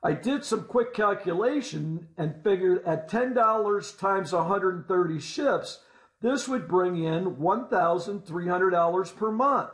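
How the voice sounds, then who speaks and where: Telling a scripted story in the first person, this fairly high-voiced man takes a deliberate pace with lively intonation, tossing folksy asides to the listener. His voice-over sounds roomy, with noticeable echo surrounding his words.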